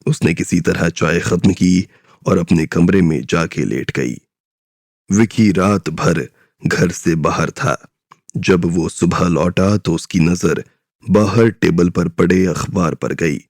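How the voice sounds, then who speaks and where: With a very low, gravelly voice, a man tells a story at a slow, measured pace over gentle background music. The recording is dry and of studio quality.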